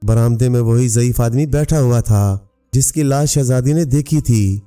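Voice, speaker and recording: Brief: male storyteller, mellow dark voice, set back from the mic with faint music. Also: medium pitch, unhurried, smooth, distant mic. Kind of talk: scripted storybook narration.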